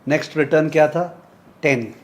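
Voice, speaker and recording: A man's voice: fairly high pitch, moderate pace, slight background noise. Male teacher drilling sums aloud. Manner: teasing, calls on students by name. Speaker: finance teacher. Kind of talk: live classroom lecture.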